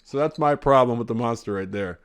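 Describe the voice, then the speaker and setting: A man's voice: medium pitch, fairly quick, clean tone. A man casually reviewing a movie he saw, rambling, swearing freely and drifting off topic. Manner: rambling and profane, often sidetracked.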